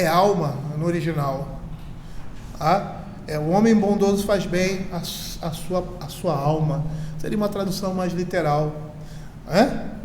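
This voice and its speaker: A male Brazilian pastor with an unusually high voice teaches his congregation in a loose, conversational way, often tossing in quick tag questions. His words ring through a large church with a long reverb tail and a faint hiss underneath. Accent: Brazilian Portuguese. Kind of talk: expository sermon. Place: church sanctuary.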